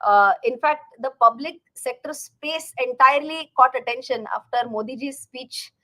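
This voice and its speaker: A woman's voice: high voice, normal speed, sharp tone, low-quality recording. A woman with an Indian accent hosting a casual livestream as a finance educator, chatting directly to viewers and repeating words for emphasis.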